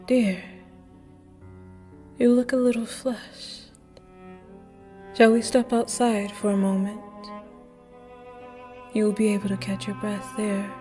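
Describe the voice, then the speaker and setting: For an audio roleplay set at a masked ball, a woman voices a flirtatious, charming female vampire. Her mid-range voice sounds natural yet breathy, delivered in soft, seductive whispers.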